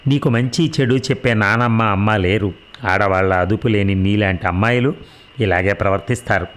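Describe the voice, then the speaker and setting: A man's voice: on the low side, close to an everyday voice. A man voicing an angry, wounded young husband in a read-aloud story, hot-tempered and pleading. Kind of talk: audio drama reading.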